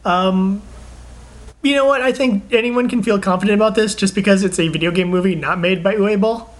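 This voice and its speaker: Young male co-host, high voice, rambling and excitable. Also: brisk. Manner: rambling, excitable, laughs often. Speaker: podcast co-host. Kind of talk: casual chat about games and movies.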